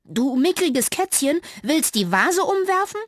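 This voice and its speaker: Plucky storybook girl mouse, read by a woman: high, piping, cheeky, slightly breathy. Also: expressive, drawn-out words, dry recording, clean studio sound, heavily acted. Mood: cheeky taunting. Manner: cheeky, taunting.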